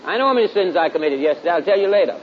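A man's voice: animated, racing. A middle-aged man with a Southern US accent preaching in a folksy, drawling storytelling style, repeating phrases for emphasis. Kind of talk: storytelling sermon. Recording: dull lo-fi recording with clear rumbling hiss.

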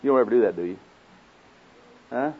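Here an Oklahoman gives a homespun sermon full of scripture quotations and questions for the congregation. He speaks a little fast at medium pitch with a husky quality, captured through a narrow, muffled, telephone-like sound.

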